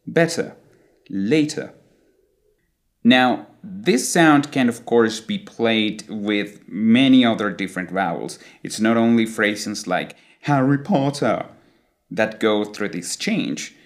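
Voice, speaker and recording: A man's voice: lowish voice, slow, few pauses. A man teaching English pronunciation in a scripted lesson, showing the sounds by imitating accents.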